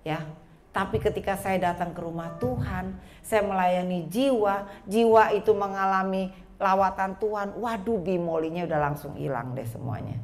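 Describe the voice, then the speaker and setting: Woman preacher, 40s, lively testimony sermon, talks right to the congregation. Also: mid-range voice, normal speed, slight background noise. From Indonesia. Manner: lively, addresses the congregation directly. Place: church.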